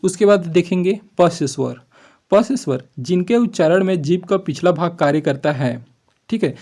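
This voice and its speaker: A man with a slightly high, mellow voice leads an exam-prep lesson. He explains each point patiently and answers his own rhetorical questions. He keeps checking that his listeners follow, and he stretches out sample vowel sounds slowly. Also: animated. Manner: explains step by step, often checks with "ठीक है जी"; asks rhetorical questions and then answers them. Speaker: teacher.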